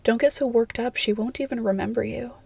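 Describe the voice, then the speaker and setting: A woman's voice: on the high side, fairly even intonation, a little fast, creaky, a little mellow, breathy edge, no echo. A woman voicing a grinning, teasing young male wizard in a fan fiction audiobook. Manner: playful, teasing.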